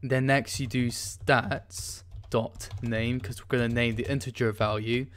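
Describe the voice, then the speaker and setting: A man hosts a screen-recorded coding tutorial, his voice smooth and clean. He talks casually and hesitantly, with many ums and restarts while he types, and a keyboard clacks faintly behind him. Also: medium pitch, fairly even intonation, unhurried, fairly bright tone. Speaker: tutorial host.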